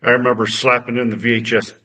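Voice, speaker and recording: A man's voice: mid-range voice, level tone, fast, pushed and bright, low-quality recording. A man hosting a podcast, asking casual, rambling questions of his guest. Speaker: podcast host.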